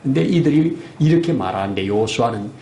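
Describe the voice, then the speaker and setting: A male pastor preaching a sermon, animated and acting out the voices in the scripture passages. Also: medium pitch, a little fast, a little hiss or hum. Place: church sanctuary. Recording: echoey church room.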